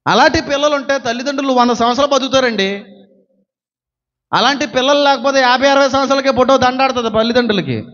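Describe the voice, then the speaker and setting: A man's voice: very high voice, fast talker, fairly bright tone. A man preaching a sermon in a dramatic way, acting out family quarrels in raised voices. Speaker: pastor. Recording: dull sound with long hall reverb.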